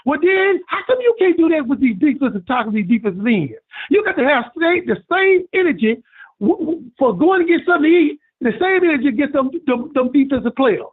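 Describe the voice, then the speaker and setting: Male caller, high husky voice, lively and preachy, tinny phone audio. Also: brisk. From Birmingham, Alabama. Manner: preachy, repetitive, animated storytelling. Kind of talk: call-in rant.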